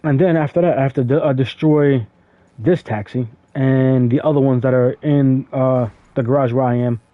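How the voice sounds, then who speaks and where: In thin, phone-like audio with no echo, a male gaming streamer chats through his gameplay, rambling and restarting sentences amid frequent fillers. His voice is medium in pitch, with fairly even intonation and a moderate pace.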